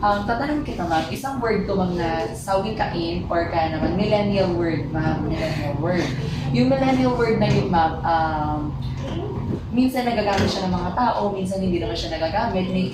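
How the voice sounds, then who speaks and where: A woman's voice: on the low side, normal speed. A young woman student politely interviewing people, rambling and tacking "ma'am" and "sir" onto nearly every phrase. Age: young adult. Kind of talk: street interview questions. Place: school campus. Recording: echoey, distant mic, loud background noise.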